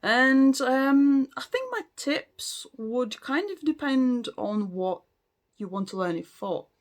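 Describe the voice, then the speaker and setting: Speaking slowly yet very animatedly in a high-pitched voice, this vlogger from Latvia, a native Latvian speaker in their late 30s, chats unscripted to camera about language learning. They hesitate a lot, with frequent ums and false starts.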